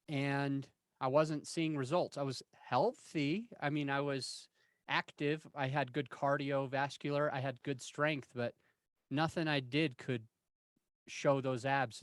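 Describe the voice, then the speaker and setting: A man's voice: medium pitch, no echo. A man of forty-one telling candid, self-deprecating stories in a casual interview, rambling and restarting his sentences. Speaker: interview guest.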